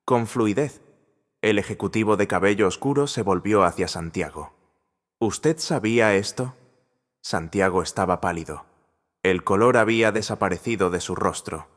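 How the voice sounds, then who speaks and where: A man narrates a scripted drama story in a steady, dramatic way. His voice sits fairly low. A long reverb trails behind it.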